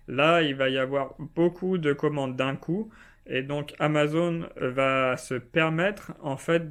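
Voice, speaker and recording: A man's voice: on the high side, fairly bright tone, smooth. A man hosting a casual self-publishing vlog indoors, talking informally to the viewer with plenty of fillers. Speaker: self-publishing video host. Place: indoors, not at home.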